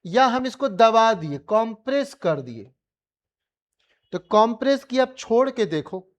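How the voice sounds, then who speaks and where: A man's voice: very high-pitched, sing-song, a little slow. A male physics teacher with an Indian accent, giving a colloquial classroom revision lecture and pressing his students with repeated questions.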